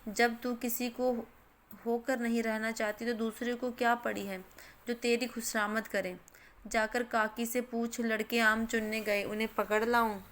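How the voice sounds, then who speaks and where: A proud young village husband sulks and mutters in a brooding, weary way. The part is read in a storybook by a woman narrator, pitched a little high. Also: flat delivery, a little slow, a bit bright, slight background noise. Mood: bitter.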